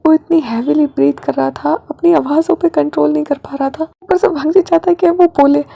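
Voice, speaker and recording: High, gravelly woman storyteller. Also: fairly even intonation, fairly quick, dark tone, highs cut off. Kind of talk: reading fanfiction aloud.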